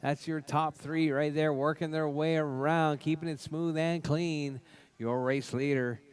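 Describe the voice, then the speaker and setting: A man's voice: a little high, steady tone, unhurried, clean tone. A man giving live race commentary like a spotter, in repetitive clipped calls of running order and cautions. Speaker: race announcer.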